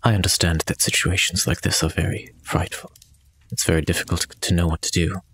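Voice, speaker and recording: A man playing a tabletop game, speaking in character in a measured, formal, quietly menacing way. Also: low voice, flat delivery, slight background noise. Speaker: player. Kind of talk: in-character tabletop role-play.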